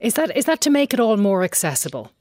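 A woman's voice: mid-range voice, sing-song, fast talker, a little mellow, dry recording, studio quality. A woman interviewing in a conversational, reflective way, feeling her way through her questions.

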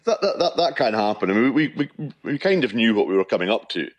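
A man in his fifties from Shetland with a Shetland Scottish accent, chatting as a radio interview guest in a halting way, often repeating words. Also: mid-range voice, sing-song, no room sound, lo-fi sound. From Shetland, Scotland. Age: 50s.

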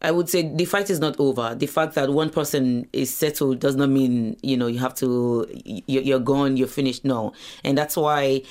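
A middle-aged woman speaking candidly as an interview guest, expressive and slipping into acted-out dialogue. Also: extremely low pitch, normal speed, few pauses. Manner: expressive, acts out quoted dialogue. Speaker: interview guest, human rights campaigner.

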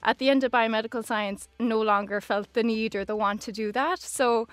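A woman's voice: a little high, steady tone, normal speed, no echo. A woman in her twenties with a west of Ireland accent, chatting informally as an interview guest, often saying "like" and "kinda". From Galway, west of Ireland. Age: 20s. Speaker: interview guest, social media manager. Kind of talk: casual conversational interview.

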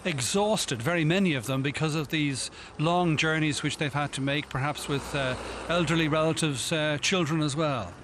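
A man's voice: on the high side, normal speed, background noise. A male news presenter asking questions in a live radio interview, probing.

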